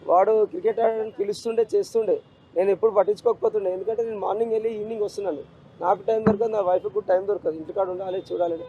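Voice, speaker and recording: A man's voice: high voice, fairly even intonation, rapid-fire, mellow, dull audio. A middle-aged grieving father, speaking in an emotional street interview, pleading and repeating himself. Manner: grief-stricken, repetitive, pleading.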